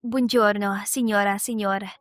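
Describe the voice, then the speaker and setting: A woman's voice: mid-range voice, steady tone, moderate pace, no room sound, studio quality, soft background music, close to an everyday voice. A woman voicing a nervous young nurse. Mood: polite. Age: 20s. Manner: polite, stammering.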